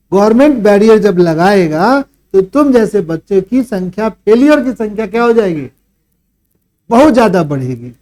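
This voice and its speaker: High-voiced scolding math teacher, man. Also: a little mellow. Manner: scolds and quizzes students, rhetorical questions. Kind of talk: classroom lecture with a pep talk.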